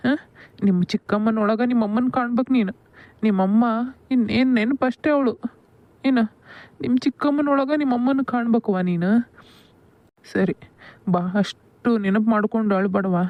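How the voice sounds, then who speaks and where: A kind village father in a cartoon, coaxing and affectionate, with a North Karnataka Kannada accent, voiced by a woman. His voice is a bit high for a man. The audio is dull, lo-fi and dry. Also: normal speed, pauses often, no room sound, lightly acted. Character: kind, doting middle-aged village father. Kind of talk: cartoon voice acting.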